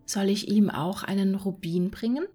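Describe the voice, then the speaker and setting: A woman voicing a kind-hearted little male swallow in a whispered role-play, soft and pleading. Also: mid-range voice, moderate pace, breathy edge, soft background music, natural voice. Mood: tender.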